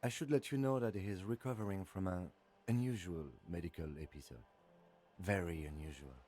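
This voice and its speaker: A composed male police lieutenant in a game, formal and dry in every line. His voice is low, mellow and slightly husky, with faint music under it. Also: fairly quick. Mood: calm.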